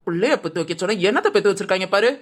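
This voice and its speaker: A woman's voice: medium pitch, expressive, very fast, close to an everyday voice. A woman voicing a bossy middle-aged village mother-in-law who scolds and threatens the young couple in a cartoon. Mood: exasperated. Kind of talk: cartoon voice acting.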